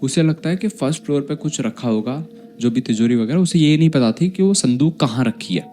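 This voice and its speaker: Mellow-voiced man telling a horror story. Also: medium pitch, animated, fairly quick, faint music behind. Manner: conversational, with asides to listeners.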